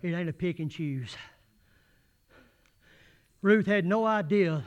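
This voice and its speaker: Old preacher man in his 80s, high bright raspy voice, folksy, gets loud and fired up in church. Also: lo-fi sound. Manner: folksy, rising to shouted fervor. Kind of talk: sermon.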